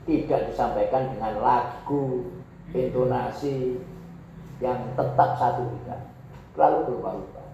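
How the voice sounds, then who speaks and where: An unhurried man teaches Arabic in a classroom lecture. He reads text aloud, then explains it with repeated examples. His voice is recorded dull and with a strong echo. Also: mid-range voice, mellow, slight background noise. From Indonesia.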